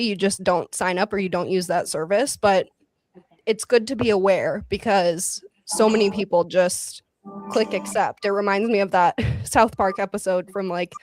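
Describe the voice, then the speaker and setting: A woman's voice: mid-range voice, a little mellow, no echo. A woman on a casual panel chat, talking in a chatty, advice-giving way with many fillers.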